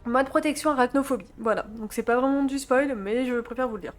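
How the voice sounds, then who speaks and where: A young woman streaming a game, chatting to her chat and reading game dialogue aloud, excitable and quick to laugh. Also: sits high, faint music behind. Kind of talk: gameplay let's play commentary.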